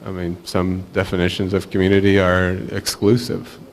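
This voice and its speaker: A man's voice: sits low, monotone, normal speed, a little hiss or hum. A man from Israel speaking reflectively on a panel, with many fillers.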